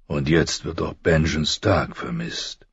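A man voicing a stern, weary old military commander with a deep, gravelly voice. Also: takes it slowly, dry recording, highs cut off, exaggerated voice.

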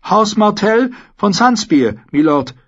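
A man's voice: high voice, sing-song, fairly bright tone, pitched above the performer's own voice, exaggerated voice. A man voicing a nervous, eager young male squire who talks shyly and hurriedly, in a storybook reading. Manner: shy and hurried, gaining confidence. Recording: dull lo-fi audiobook recording.

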